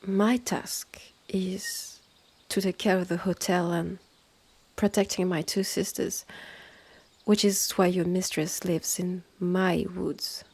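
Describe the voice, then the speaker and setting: Speaking in a fairly low, exaggerated voice, a French-accented woman plays a serene immortal healer and guardian older sister for an ASMR fantasy piece. She is breathy and mellow, frequently whispering, and her slow, soothing delivery feels confiding yet matter-of-fact.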